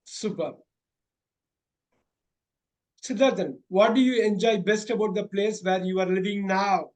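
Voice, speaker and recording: A man with a high, somewhat dark voice and an Indian English accent leads his students through a mock speaking exam at an unhurried pace. He coaches them question by question, encouraging them and repeating his praise again and again.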